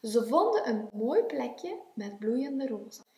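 High, lively woman teacher reading a picture book aloud, slow and expressive, echoey room. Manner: expressive, sing-song.

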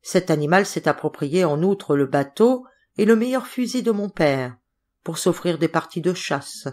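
A woman narrating a literary audiobook in a steady, expressive reading style. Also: fairly low pitch, normal speed.

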